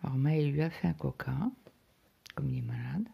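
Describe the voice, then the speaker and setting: Middle-aged woman, craft vlogger, casual rambling chat with lots of "euh", low voice with a husky edge. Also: moderate pace, muffled recording. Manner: rambling storytelling full of "euh" fillers.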